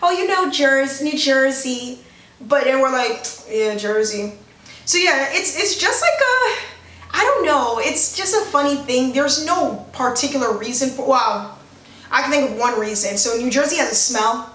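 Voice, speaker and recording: A woman's voice: sits high, lively intonation, normal speed, a bit bright, roomy sound, distant mic. A woman from New York with a New York accent, chatting frankly to camera in a casual vlog, full of "like". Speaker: vlogger.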